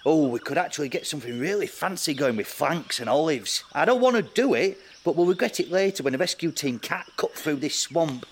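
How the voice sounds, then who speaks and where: A man's voice: on the high side, animated, brisk, few pauses, a little hiss or hum. A man playing a crash survivor who casually and reasonably argues grim ideas in a comedy sketch. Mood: casual, persuasive. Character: blithely macabre male crash survivor keen on cannibalism.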